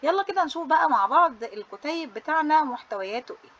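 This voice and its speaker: Bright, cheerful Egyptian woman teacher. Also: high voice, animated, quick pace, muffled recording. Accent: Egyptian Arabic. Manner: cheerful, coaxing pupils as heroes; mixes English terms into Arabic. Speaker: English teacher. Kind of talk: book review for students.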